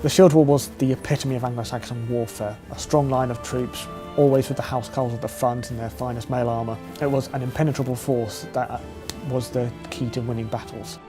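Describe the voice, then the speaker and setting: A man's voice: mid-range voice, fairly even intonation, brisk, over music. A man giving explanatory commentary as a history interviewee in a documentary.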